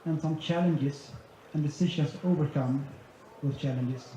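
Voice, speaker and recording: Male conference speaker with a warm, dark tone. Methodical delivery, recorded far off in a large hall with faint room noise. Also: a little high, moderate pace. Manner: methodical, summarizing point by point. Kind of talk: conference presentation. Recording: echoey hall, dull sound, faint ambience.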